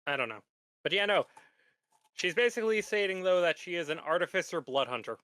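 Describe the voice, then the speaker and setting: A man running a tabletop game as game master, narrating in a relaxed, teasing way. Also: high-pitched, a little fast, dry recording, studio quality.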